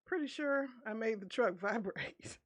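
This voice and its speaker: A woman's voice: a little high, lively intonation, measured pace. A woman streamer reading an online story aloud with her own commentary, laughing often between lines. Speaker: VTuber streamer.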